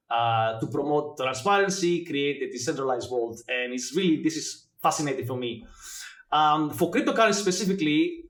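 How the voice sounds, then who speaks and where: A man in his forties, originally from Greece, answers questions about his background as an interview guest. His voice sits slightly high for a man and carries an echo from the room. He pauses often with fillers while he thinks out loud. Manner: thoughtful, many filler pauses. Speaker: guest, blockchain educator. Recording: echoey room.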